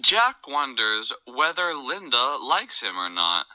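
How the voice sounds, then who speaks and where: A man's voice: medium pitch, sing-song, takes it slowly, sharp tone, smooth, no echo, soft background music, exaggerated voice, rough recording. A man reading lines of a practice dialogue for a language lesson. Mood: plain.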